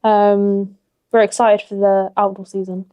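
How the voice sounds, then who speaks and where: Brief: woman, twenties, soft mellow tone, easy chatty guest who laughs a lot. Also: medium pitch, level tone, measured pace, clean tone. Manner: giggly, friendly, chatty. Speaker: podcast guest, archer. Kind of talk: casual chat.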